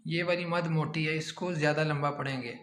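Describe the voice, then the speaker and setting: A man teaching Quran recitation, spelling out Arabic words letter by letter and chanting the recited words slowly. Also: on the high side, fairly even intonation, a bit bright, echoey room. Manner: slow, drawn-out chanting when reciting.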